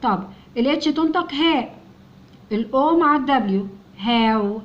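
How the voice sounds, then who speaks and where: An Egyptian-accented woman teaching English to young children, spelling out each letter sound and repeating words slowly and patiently. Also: sits high, lively intonation, dull audio. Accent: Egyptian Arabic. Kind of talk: step-by-step phonics lesson.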